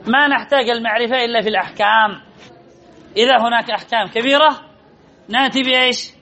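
A man's voice: very high-pitched, fast talker, bright, forceful tone, slight background noise. A man teaching a grammar lesson, asking his students questions and answering them himself, repeating the key points. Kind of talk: classroom lesson. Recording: dull lo-fi recording.

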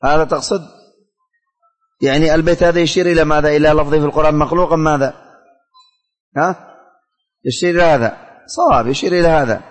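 A man's voice: fairly high pitch, fast, long pauses, in a large hall. A man teaching a religious studies class, calling on students by name, asking questions and repeating the answers.

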